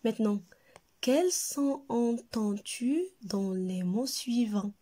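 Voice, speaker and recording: Woman teacher, Moroccan French accent, very slow and deliberate, mellow tone; reads words aloud twice for young pupils. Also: a little high, slight background noise. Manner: slow, deliberate, repeats each word for pupils. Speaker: primary school teacher. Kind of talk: slow reading lesson for young children.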